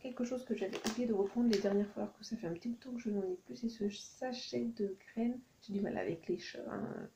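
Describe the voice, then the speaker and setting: Creaky-voiced woman in a casual haul vlog. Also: mid-range voice, fast, hardly any pauses, lo-fi sound, background noise. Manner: hesitant, many ums, thinking aloud. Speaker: YouTuber doing a shopping haul. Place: at home at night.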